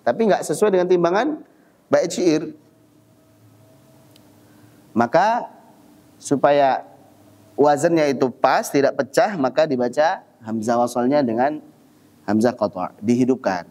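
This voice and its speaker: Guy teaching tajwid, kinda high voice, drags out words to show how they sound then talks fast. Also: expressive, darkish tone. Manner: stretches words slowly to demonstrate pronunciation, then explains briskly; chants verse lines in a measured recitation. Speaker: Quran recitation teacher. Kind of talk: tajwid lesson with slow demonstrations.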